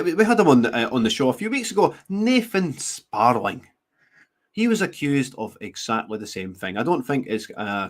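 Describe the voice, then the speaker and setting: Sarcastic man reading news. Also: medium pitch. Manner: sarcastic, mocking asides, laughing often; halting, many restarts while reading. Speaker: show host. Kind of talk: reading news aloud with commentary.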